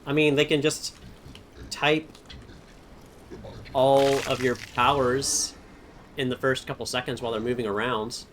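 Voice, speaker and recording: A man's voice: medium pitch, fairly even intonation, measured pace, pauses often, fairly bright tone, slight background noise. A man giving casual let's-play commentary, playful and thinking aloud as he works through puzzles. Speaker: game streamer.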